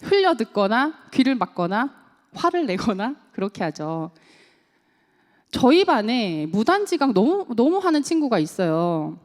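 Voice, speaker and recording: A woman, a parenting coach and teacher, giving a seminar talk to parents, asking the audience questions and acting out quotes. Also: medium pitch. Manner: animated, asks the audience questions and acts out quotes. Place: church hall. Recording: echoey church hall.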